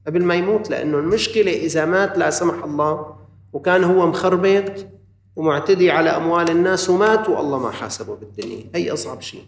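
A man with a Levantine Arabic accent preaching a sermon, moving from loud urging to quiet, earnest asides. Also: a little high, creaky, slight background noise. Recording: roomy, distant from the mic.

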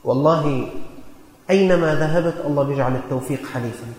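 Syrian preacher exhorting in a booming hall. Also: male voice, darkish tone. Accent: Syrian Arabic. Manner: earnest, exhorting, slows for emphasis. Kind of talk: colloquial storytelling sermon. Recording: echoey hall reverb.

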